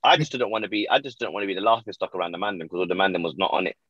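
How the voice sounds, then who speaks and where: A man's voice: low-pitched, racing, fairly bright tone, slightly rough, no echo, highs cut off. A man with an urban London roadman accent, chatting casually in slangy street style. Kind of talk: casual group chat.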